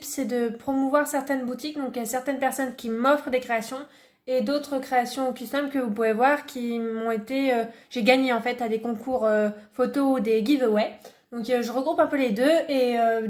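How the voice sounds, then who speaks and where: A chatty woman from France talks through a relaxed show-and-tell vlog. Her voice sits a little high, and she fills her sentences with hesitations and small restarts. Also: brisk. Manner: chatty, many fillers and restarts. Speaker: hobby vlogger.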